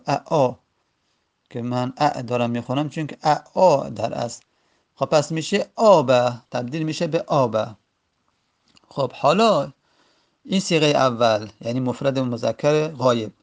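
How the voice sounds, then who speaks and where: A man's voice: mid-range voice, vocal fry. A man teaching a grammar lesson, patiently repeating each form aloud with frequent hesitations.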